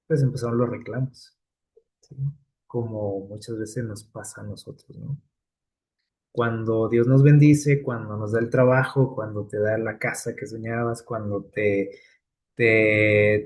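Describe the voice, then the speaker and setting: A man's voice: lowish voice, darkish tone. A man preaching a casual, conversational sermon, full of fillers and tag questions to his listeners.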